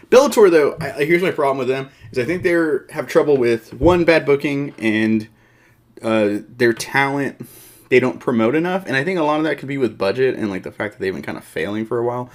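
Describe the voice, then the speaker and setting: Man with a mid-range voice, hosts an MMA channel, loose off-the-cuff delivery, self-mocking humor. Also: mid-range voice. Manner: rambling, self-deprecating, joking asides. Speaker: MMA show host. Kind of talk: unscripted casual commentary.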